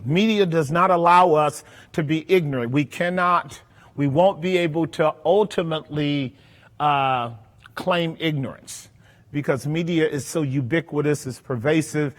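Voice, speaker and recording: Emphatic pastor in a reverberant church hall. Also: male voice, on the high side. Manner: emphatic, repeats phrases for weight. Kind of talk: Bible study teaching.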